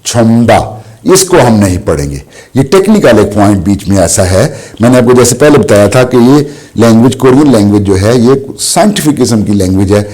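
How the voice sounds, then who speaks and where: A man teaching a language lesson, explaining slowly and asking questions he answers himself. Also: on the low side, lively intonation, warm tone. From Pakistan. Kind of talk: classroom lesson.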